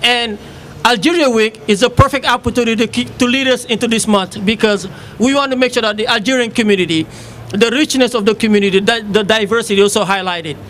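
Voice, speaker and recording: A man from Senegal, giving formal remarks as a city office director, halting with many fillers. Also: high-pitched, fairly bright tone, slight background noise.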